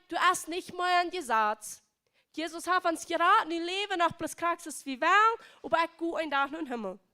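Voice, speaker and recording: A woman preaches with a Plautdietsch accent, her voice pitched very high. Her tone is bright and forceful, and she drives each point home by repeating it with emphasis. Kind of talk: sermon.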